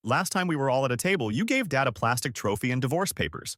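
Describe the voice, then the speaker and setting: A man's voice: medium pitch, sing-song, fast talker, fairly bright tone, no room sound, studio quality. A man voicing a sarcastic fourteen-year-old boy who talks bluntly and with exasperation. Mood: exasperated.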